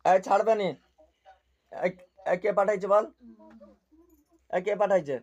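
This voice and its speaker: A man's voice: high voice, a little slow, darkish tone, highs cut off. A man working as a spiritual healer, sternly questioning over a video call and repeating short demands.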